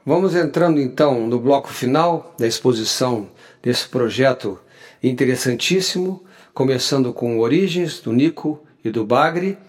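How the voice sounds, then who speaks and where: A man from southern Brazil hosting a radio music show, presenting songs in an explanatory, announcer-like way. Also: medium pitch.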